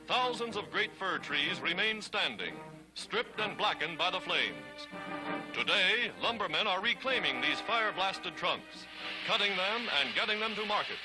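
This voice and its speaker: The high-voiced American narrator of a 1940s newsreel reads his script in a dramatic, emphatic, declamatory manner. The audio is poor, with loud music playing beneath the old soundtrack.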